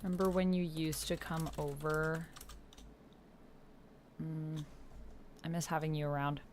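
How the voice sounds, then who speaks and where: A woman with a deep voice and little pitch movement hosts a casual livestream, speaking a little slowly. Reading along in a text roleplay game, she talks to herself, reacts aloud and murmurs while reading and typing, with keyboard typing in the background.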